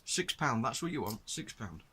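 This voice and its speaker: A middle-aged host from the north of England, with a Northern English accent, patiently chats to viewers while explaining his gear in a casual show-and-tell. His medium-pitched voice is sing-song, bright and forceful at a moderate pace, with a little hiss or hum in the recording.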